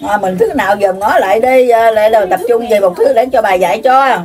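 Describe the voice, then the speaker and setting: An older woman with a Southern Vietnamese accent, rambling on in a lecturing, scolding way, full of drawn-out filler sounds. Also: a little high, a crowd in the background. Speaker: self-proclaimed spiritual elder receiving visitors. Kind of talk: rambling, preachy monologue.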